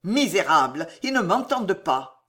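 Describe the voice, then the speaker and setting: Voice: mid-range voice, sing-song, measured pace, fairly bright tone. A reader voicing a frantic, raging older male sorcerer who shrieks and curses in desperation.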